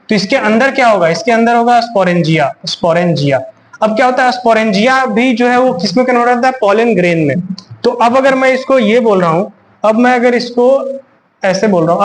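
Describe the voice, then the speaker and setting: High-voiced Hindi biology teacher drilling terms. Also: male voice, a little hiss or hum, rough recording. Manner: asks questions and answers them himself, repeating key terms; mixes in English terms and reads English text aloud. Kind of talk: classroom lecture on a recorded video.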